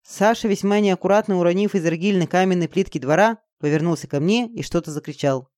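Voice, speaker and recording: A reader narrating a fantasy audiobook in an even, dramatic storytelling manner. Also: mid-range voice, brisk, dry recording, clean studio sound.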